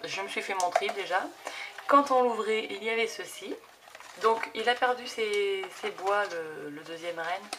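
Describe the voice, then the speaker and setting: Woman in her thirties, casual unboxing chat, enthusiastic, many fillers, steady background noise. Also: mid-range voice, unhurried. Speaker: craft YouTuber. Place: home craft desk. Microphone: camera set low on desk.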